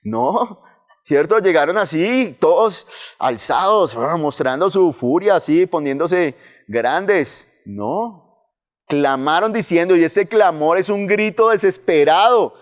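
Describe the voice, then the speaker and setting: A man with a Colombian accent, a pastor preaching a sermon and telling the story vividly, often repeating words as he searches for them. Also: on the high side. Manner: vivid storytelling, acts out voices of people and demons.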